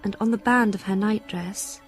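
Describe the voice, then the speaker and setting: In an audio drama, an actress plays a devoted, anxious young Victorian woman reading her journal and letters aloud, earnest, tender, worried and confiding. Her medium-pitched voice is close to an everyday one, with fairly even intonation and normal speed. Faint music plays behind her.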